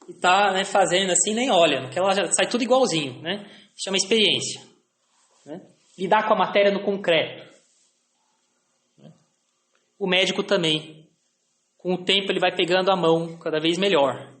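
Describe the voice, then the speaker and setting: High-voiced Brazilian man telling stories. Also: fairly bright tone, reverberant. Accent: Brazilian Portuguese. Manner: anecdotal, frequent tag questions, self-deprecating. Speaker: lecturer.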